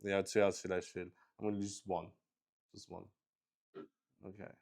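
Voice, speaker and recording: A man improvises his way through hosting a solo RPG, narrating casually and excitably, with halting starts, repeated words and mild swearing. His voice is deep with vocal fry.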